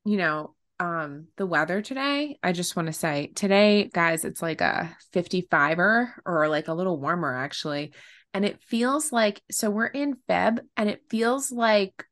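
A woman's voice: on the low side, animated, measured pace, a bit bright. A woman co-hosting a podcast, chatting in a giggly, rambling way. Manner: chatty, giggly, drifts into asides. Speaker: podcast co-host. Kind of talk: playful casual chat. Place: New York City.

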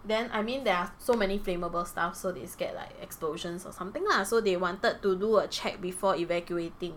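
A woman's voice: lowish voice, fairly quick, slight background noise. A young adult woman with a Singaporean accent, chatting casually and animatedly in colloquial Singlish as she tells stories as a podcast co-host. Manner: animated, giggly.

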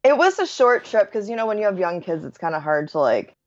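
A woman in her thirties, a wedding photographer talking as a podcast guest, bubbly and quick to laugh, with lots of "like". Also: mid-range voice, very animated, no echo, dull audio. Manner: bubbly, laughs often, says "like" a lot. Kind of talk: casual interview chat.

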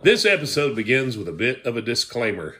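A man with a slow, folksy Southern drawl hosting a casual comedy podcast. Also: medium pitch, very animated, sharp tone. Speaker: podcast host.

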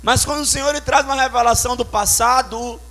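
Male pastor, high voice, punchy sermon delivery with vocal sound effects. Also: fairly even intonation, fast talker, sharp tone. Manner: emphatic, storytelling with sound effects.

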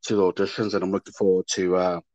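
Male actor, halting delivery, dry close sound. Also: low-pitched, little pitch movement, a little mellow, no room sound, highs cut off. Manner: halting, often repeats words. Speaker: actor, interview guest. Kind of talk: casual interview chat.

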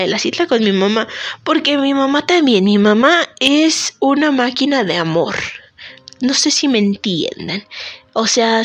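A woman, host of a casual talk podcast, chatting to listeners in a joking, self-deprecating way while a bit sick. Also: fairly high pitch. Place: temporary recording spot.

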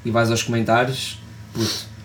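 A man with a European Portuguese accent chatting on a comedy podcast, loose and full of slang. He slips into quick impressions of the people he describes. His voice sits at a middle pitch, with a faint hiss of noise behind it. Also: level tone. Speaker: podcast co-host. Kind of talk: casual comedic chat.

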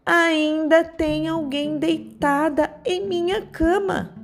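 A woman voicing a tiny baby bear in a children's story, squeaky and on the edge of tears. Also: steady tone, takes it slowly, over music, full character voice. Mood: tearful. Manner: squeaky, close to crying.

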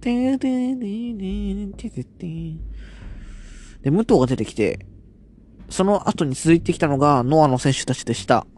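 With a brisk, lively delivery, a man with a mid-range, somewhat mellow voice hosts a casual podcast reviewing wrestling. He recaps what happened conversationally and now and then mimics people's promo lines.

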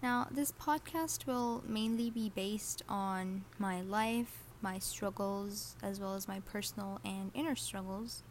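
A teenage girl from Saudi Arabia hosts her first podcast episode, a casual personal monologue, speaking slowly at medium pitch with hardly any pauses. She's chatty, self-deprecating, and a little nervous, and there's some faint hiss or hum.

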